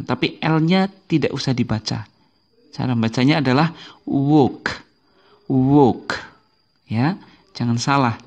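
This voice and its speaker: Male teacher, unhurried video lesson, patient and repetitive, mid-pitched voice. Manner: patient, repeats each word slowly for learners. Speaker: English teacher. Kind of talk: slow explanatory video lesson.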